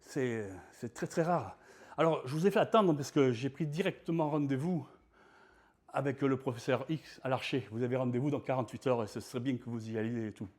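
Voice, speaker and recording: A man voicing an excitable male radiologist with a strong Italian accent, exclamatory and sing-song. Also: medium pitch, fairly quick, lightly acted. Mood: excité.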